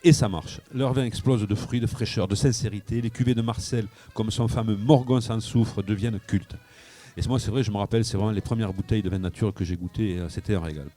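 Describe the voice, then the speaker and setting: Speaking quickly in a warm, steady, lowish voice, a wine columnist shares a story about wine during a live radio chronicle broadcast from a wine shop. He hesitates frequently and repeats himself as he goes.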